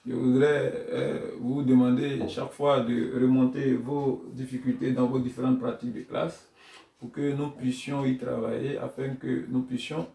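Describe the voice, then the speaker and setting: A man giving a tutorial for teachers, explaining lesson steps deliberately and chanting syllables aloud to show how they are read. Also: medium pitch, level tone, creaky, mellow. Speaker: teacher trainer. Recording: echoey room, voice from far off.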